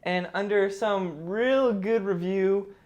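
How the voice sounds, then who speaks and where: Brief: young male podcast co-host, higher-pitched, jokey and teasing, slangy. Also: slow, a little mellow, highs cut off. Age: 20s. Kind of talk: casual chat. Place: indoor room, filmed by a cameraman.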